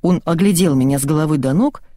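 A woman's voice: low voice, quick pace, warm tone, no echo, studio quality. A woman reading a first-person humorous novel as an audiobook, with ironic storytelling. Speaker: audiobook narrator.

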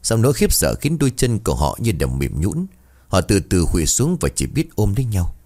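A man narrating a ghost story in a dramatic, expressive way. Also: low voice, brisk.

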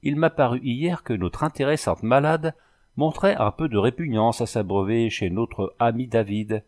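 A man voicing an excitable, blustering doctor who bursts into exclamations. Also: mid-range voice, moderate pace, close to an everyday voice. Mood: excited. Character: excitable blustering male doctor, brusque and eager.

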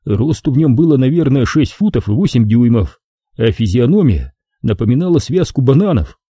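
Man narrating in a dark, husky voice. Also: medium pitch, moderate pace, no room sound. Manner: animated storytelling. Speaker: audiobook reader. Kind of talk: scripted narration.

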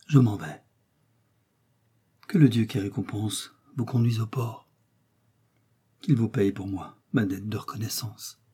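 A man voicing a dying male missionary who speaks faintly and haltingly, in a prayerful way. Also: on the low side, warm tone, slightly rough. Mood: weak, resigned. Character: dying old male missionary, gentle and pious.

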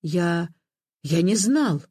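A reader voicing an aging widower who speaks in a hoarse, pleading way. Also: medium pitch, unhurried, darkish tone, no room sound, clean studio sound. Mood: anxious. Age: older. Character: aging widower, shaken and anxious.

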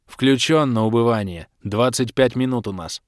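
A man's voice: mid-range voice, normal speed, no echo, clean studio sound, close to an everyday voice. A man voicing an eager, goofy male half-orc thief who speaks in broken, childlike phrases. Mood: businesslike.

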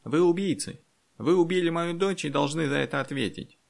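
A man voicing an angry, self-important village elder in an audiobook, shouting accusations. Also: on the high side, fairly quick, gravelly, voice pushed up. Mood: furious.

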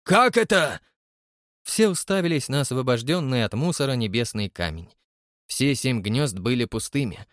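A male narrator with a lively, swinging pitch and dramatic delivery, reading an adventure novel. He is heard close to the mic in a dry, deadened sound. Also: normal speed, dry recording. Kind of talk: expressive audiobook reading.

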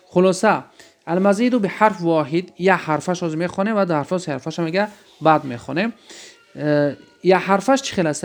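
A man's voice: fairly high pitch, vocal fry. A man teaching an Arabic grammar lesson, explaining step by step and asking and answering his own questions.

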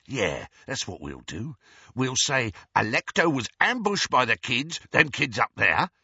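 A man voicing an uncouth, bullying male dark wizard who bellows and shrieks coarsely, in a slightly dull, dry recording. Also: mid-range voice, very animated, a little slow, vocal fry, husky, dry recording, heavily acted. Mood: sly.

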